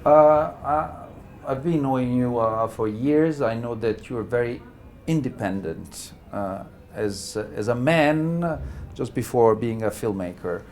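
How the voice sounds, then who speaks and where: A man interviewing a filmmaker, asking his questions hesitantly with many pauses and restarts. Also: medium pitch, expressive, a little mellow.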